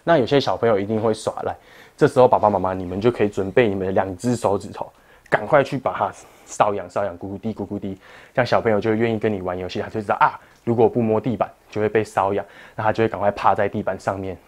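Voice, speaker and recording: A man's voice: fairly low pitch, fairly even intonation, fast talker. A man with a Taiwanese Mandarin accent, teaching a parent-child exercise class and patiently explaining each move to parents.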